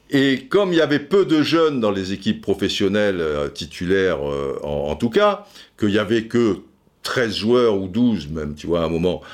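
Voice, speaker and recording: A deep-voiced middle-aged man recounts football history in a loose, chatty way. His pitch rises and falls with lively swings, and he stumbles through repeated words and fillers as he talks straight to the listener. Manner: many stammered repeats and fillers; addresses listener familiarly. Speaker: football storyteller. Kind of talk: casual spoken storytelling.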